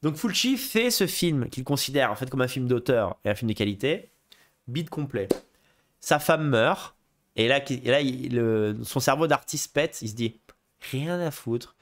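A male film host talking off the cuff on a live stream, wandering from point to point with plenty of "euh" and false starts. He gets excitable and swears casually as he goes. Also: mid-range voice, normal speed. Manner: rambling, many fillers and restarts. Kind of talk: casual live chat about films.

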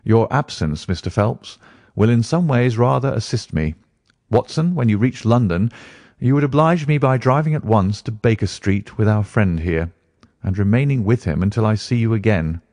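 A man voicing a sharp, commanding male detective who speaks briskly and insistently. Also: lowish voice, expressive, no room sound, clean studio sound.

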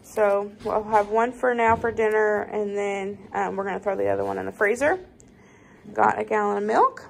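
Chatty Southern woman, slightly gravelly voice. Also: medium pitch, moderate pace, slight background noise, rough recording. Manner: chatty, says y'all often. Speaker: vlogger showing a grocery haul. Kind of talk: casual chat to camera. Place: home kitchen, at a table.

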